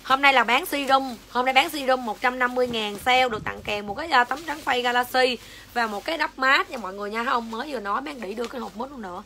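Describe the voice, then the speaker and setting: A woman's voice: fairly high pitch, fast, sharp tone, slight background noise. A young woman with a Southern Vietnamese accent selling skincare on a livestream, switching between coaxing sales patter and foul-mouthed rants at commenters. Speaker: livestream seller.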